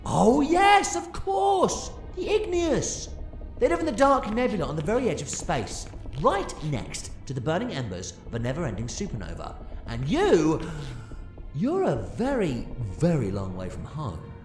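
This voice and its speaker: A man's voice: sits high, wildly swooping pitch, measured pace, exaggerated voice. Man playing the Doctor, wildly swooping, eccentric hero. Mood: excited, playful. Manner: theatrical, swinging from playful exclamation to grave threat. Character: eccentric, commanding male time-travelling alien adventurer. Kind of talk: audio drama acting. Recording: echoey sound with music underneath.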